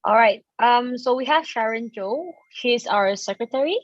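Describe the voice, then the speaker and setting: A woman's voice: on the high side, lively intonation, moderate pace, no room sound, highs cut off. Cheerful woman from Indonesia hosting. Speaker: student association officer. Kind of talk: casual presentation.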